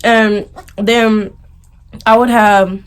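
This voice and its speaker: A woman's voice: medium pitch, little pitch movement, very slow, clear, resonant tone. A young American woman chatting casually and informally as she tells stories in a mukbang video, prone to giggling. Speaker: vlogger. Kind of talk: casual storytime chat during a mukbang.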